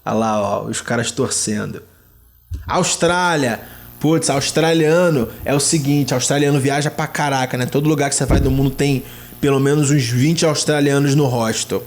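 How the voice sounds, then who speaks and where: A man's voice: mid-range voice, moderate pace. A young Brazilian man giving chatty, slangy travel tips, often dropping casual interjections. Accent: Brazilian Portuguese. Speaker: travel vlogger.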